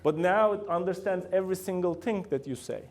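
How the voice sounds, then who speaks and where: A middle-aged guest lecturer with a Turkish accent speaks to students in a university room, his voice high, fairly quick and darkish in tone. He keeps putting questions to the audience, and his grammar is loose.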